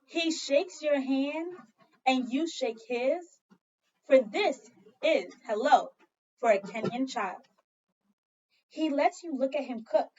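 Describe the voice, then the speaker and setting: A woman who teaches second grade reads aloud expressively in a high-pitched voice, going slowly and pausing often. She addresses the young children directly with questions and repetition in this read-aloud lesson, recorded with dull audio.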